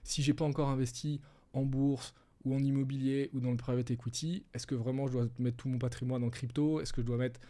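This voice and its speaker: A man's voice: medium pitch, little pitch movement, a little fast, warm tone. A middle-aged man, a guest advisor, explaining things step by step in a casual interview. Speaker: wealth management advisor, guest.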